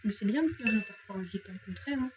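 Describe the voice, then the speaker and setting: A woman's voice: medium pitch, lively intonation, fast talker, darkish tone, lo-fi sound, slight background noise. A young woman chatting playfully to her viewers while she plays, talking to objects and joking about crying. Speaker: gaming youtuber. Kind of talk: casual let's play commentary.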